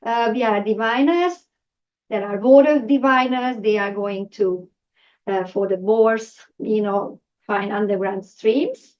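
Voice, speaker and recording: A Hungarian woman with a Hungarian accent presents a public talk to a live audience, using lots of fillers and restarts. Her mid-range voice stays steady at a measured pace. The recording is distant, dull and lo-fi, captured in a room.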